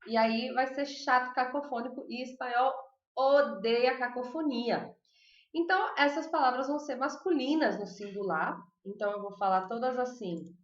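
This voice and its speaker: A woman teaching a language class online, chatting with her students, asking them questions and slowly repeating lists of words. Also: on the high side, reverberant, highs cut off. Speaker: Spanish teacher.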